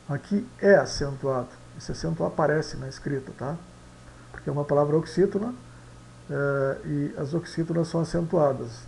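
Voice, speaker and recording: Male teacher, gravelly, slightly high, checks in often, faint hum. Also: a little mellow, rough recording. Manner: frequent "tá?" and "né?" checks. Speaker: language teacher. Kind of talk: explaining pronunciation rules.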